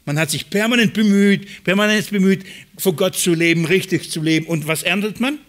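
A man's voice: high-pitched, brisk, fairly bright tone. A man preaching a sermon, earnest and emphatic, often repeating words for stress.

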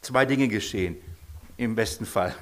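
A man preaching a sermon, asking his listeners questions and often dropping into a soft, low voice. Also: normal speed.

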